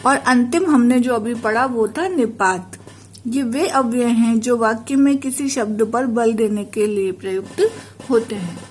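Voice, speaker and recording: Woman teacher, slow deliberate delivery, slightly high voice, recorded lesson. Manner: slow, measured explanation with example sentences. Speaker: school teacher.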